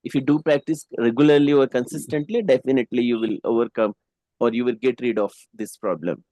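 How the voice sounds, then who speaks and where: A man from India acts as an English conversation partner for casual practice, speaking in a relaxed, hesitant way with frequent pauses filled by "you know." His voice is medium-pitched, mellow, and dark. The recording is dry, with no room sound or echo.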